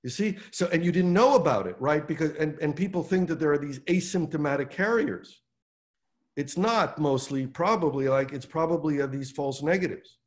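A man in his sixties hosts a town hall from his home over a video call, explaining policy in animated, quick bursts. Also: fairly high pitch. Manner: animated, gestures with his hands, fast bursts. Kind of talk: explanatory advocacy talk. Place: home room by a window. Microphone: video call webcam.

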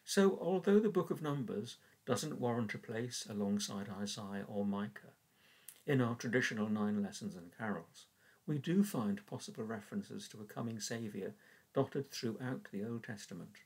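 An older English man, a church warden, reads scripture and leads prayers in a measured, earnest voice from a small room. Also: lowish voice, animated, darkish tone, husky, low-quality recording. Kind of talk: reading and devotional reflection. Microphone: webcam at desk.

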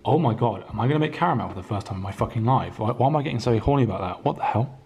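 A young vlogger cooks a dinner-party meal in his home kitchen, keeping up a sweary, chaotic, self-mocking commentary for the camera as he works. His voice is lowish, dark, animated and very fast. It's off-mic and echoes around the kitchen over faint music.

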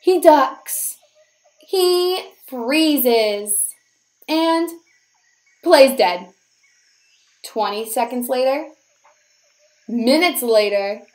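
A female teacher whose voice sits high reads aloud from a children's picture book. She takes a measured, expressive storytelling approach suited to small kids.

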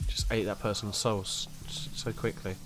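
A man's voice: lowish voice, flat delivery, normal speed, fairly bright tone, a little hiss or hum. A man casually commentating his gameplay, joking and swearing freely as he reacts. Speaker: gaming streamer.

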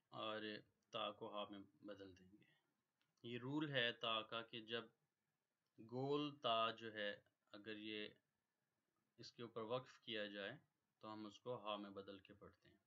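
Man, Quran recitation teacher, tajweed lesson, patient step-by-step explaining, tense bright tone, muffled recording. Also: on the low side. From Pakistan. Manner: patient step-by-step explanation, drops in English words. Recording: dull lo-fi recording.

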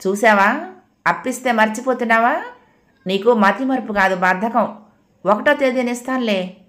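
Sly, mocking male coworker, pitched up, put on by a woman narrator. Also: moderate pace, fairly bright tone, natural voice. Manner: mocking, conspiratorial. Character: sly teasing male office colleague.

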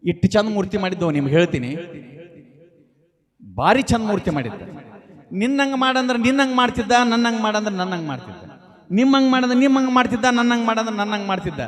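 A man's voice: sits high, animated, fast talker. A man, telling folk tales on stage, repeating lines and quizzing the audience. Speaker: folk humorist speaker.

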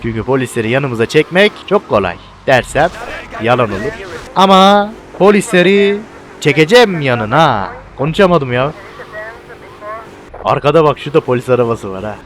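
A young man casually commentating a video game, excitable and bantering, often shouting at what happens on screen. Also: mid-range voice, normal speed. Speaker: gameplay video host.

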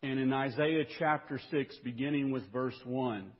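A man preaching a sermon as pastor, reading scripture in a measured way and building to raised, emphatic passages. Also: medium pitch. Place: church sanctuary. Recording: dull lo-fi recording in a reverberant church.

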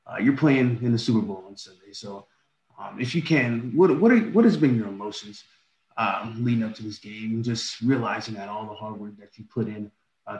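A man's voice: on the low side, darkish tone. A male reporter asking a long, rambling question at a press conference. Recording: roomy echo on remote line.

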